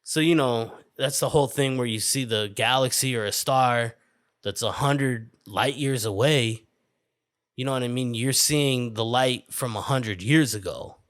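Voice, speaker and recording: A man's voice: medium pitch, unhurried, a bit bright, dry recording. Dude ranting on his own podcast, rambly and sweary, tons of likes and you knows, super dry close mic. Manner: rambling, profane, lots of fillers and restarts. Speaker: podcast host. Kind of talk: casual solo podcast rant. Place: indoor room with a window.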